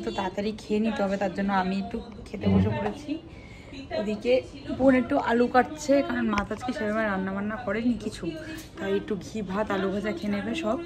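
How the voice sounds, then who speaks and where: A young woman chatting casually to camera in a vlog, confiding and talkative. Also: medium pitch. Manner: chatty, confiding, speaking softly while eating. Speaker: vlogger.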